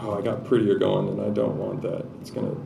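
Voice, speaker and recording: A man's voice: lowish voice, very animated, a little fast, creaky, reverberant, recorded from a distance, noisy background. A man giving a live-coding tech talk at a conference, chatting through his code with joking, self-deprecating asides. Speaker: conference speaker. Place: conference room with audience.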